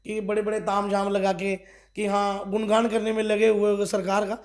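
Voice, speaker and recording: Middle-aged man from Kathua, a party official in a local news interview; high voice, forceful, fond of rhetorical questions. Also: monotone, normal speed. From Kathua, Jammu and Kashmir.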